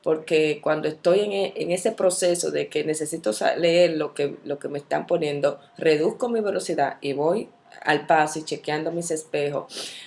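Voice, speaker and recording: A woman teaching a Bible study, telling a personal story in a candid, expressive way and acting out the dialogue as she goes. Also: deep voice, normal speed, gravelly. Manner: candid, self-reflective.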